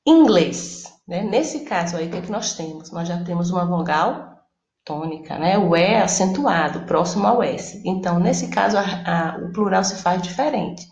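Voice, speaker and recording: A woman teacher whose first language is Portuguese walks through a lesson one step at a time. Her voice has a gravelly edge, and the room around her gives it a noticeable echo. She checks in with the class again and again as she explains. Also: lowish voice, lively intonation, normal speed, a little mellow. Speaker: Spanish teacher. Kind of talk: recorded lesson.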